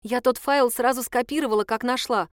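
Woman reading a worried, insistent young woman; slightly raised pitch, storybook read. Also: steady tone, fairly quick, dry recording, clean studio sound, close to an everyday voice. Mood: earnest.

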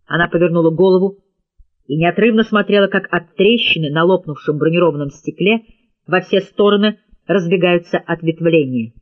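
A man's voice: sits high, normal speed, muffled recording. A man narrating an audiobook in a tense, dramatic reading style. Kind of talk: scripted narration.

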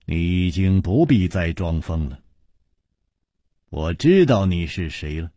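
Man reading as a chill clever hero guy, amused, slow, husky voice, dry sound. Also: deep voice, expressive, mellow, no room sound, pitched below the performer's own voice, exaggerated voice. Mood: cold. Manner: cool, amused, deliberate. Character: suave, calm young male hero, mocking and clever.

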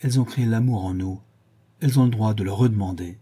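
A man's voice: fairly low pitch, fast talker, mellow, husky. Man voicing an earnest ardent young man.

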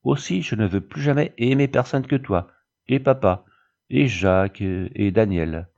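A man reading the part of a chatty, excitable young girl who confides eagerly to her big sister, in a storybook reading. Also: lowish voice, unhurried, gravelly, dull audio.

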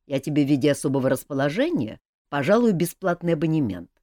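A dry, understated king, tired of court life and quietly amused, as a woman reader puts him on. The voice swings widely in pitch, and the recording is close and completely dry, with no room sound. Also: big pitch swings, quick pace, dry recording. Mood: wry. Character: wry, weary middle-aged male king. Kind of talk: audiobook character voice.

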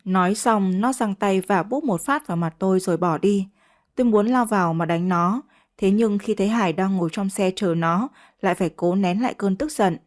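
A woman narrating a first-person story with steady, measured reading. Her voice sits in the middle of the female range. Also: medium pitch. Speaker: audiobook narrator.

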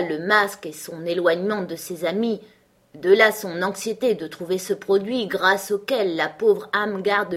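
A woman reading a composed middle-aged male lawyer in an audiobook, measured and reasoning. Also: lowish voice.

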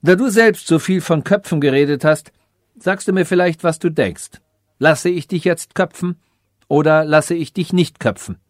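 A man's voice: a little high, normal speed, no echo, clean studio sound, voice pushed up, lightly acted. A man voicing a cruel robot king who mocks his sage and orders executions, in an audiobook reading. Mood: mocking. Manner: mocking, scornful and commanding.

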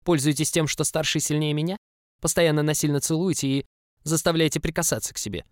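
A man reading the outbursts of a flustered, indignant 19-year-old young man, his voice pushed higher. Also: fast, a little mellow, no echo, clean studio sound, lightly acted. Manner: protesting, agitated. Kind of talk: audiobook character voice.

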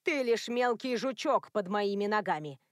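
A woman's voice: mid-range voice, expressive, moderate pace, no room sound, clean studio sound, natural voice. A woman voicing a cold, imperious noble werewolf lady who is a grieving mother, in an audiobook. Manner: imperious, clipped.

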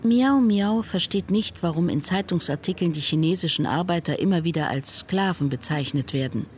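A woman narrates a radio feature in a fairly low voice. Her delivery is scripted, measured and even throughout. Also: a little hiss or hum. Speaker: narrator, reporter.

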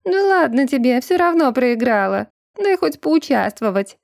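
A tiny goddess with a thin, squeaky voice pipes up, high and piercing. She sounds nasty, teasing and pushy. The recording is close and dry. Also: very animated, normal speed, gravelly, a little mellow, no echo, full character voice. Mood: whining. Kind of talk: audiobook character voice.

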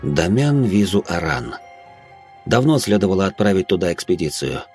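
Low-voiced man narrating an audiobook. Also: very animated, moderate pace, darkish tone, soft background music. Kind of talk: first-person audiobook narration.

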